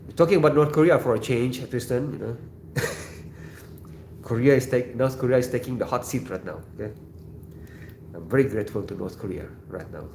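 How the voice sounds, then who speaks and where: A man's voice: mid-range voice, fairly quick, a little mellow, reverberant, a little hiss or hum. A man from Indonesia hosting a casual livestream, reading viewer comments in a laid-back way and laughing often. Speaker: livestream host.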